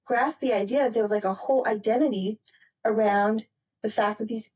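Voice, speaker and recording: A woman's voice: a little high, a little fast, a little mellow, slightly rough, highs cut off. A woman from Maryland speaking as a podcast guest in a casual interview, reflective and rambling, full of "like" and "you know". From Maryland, United States.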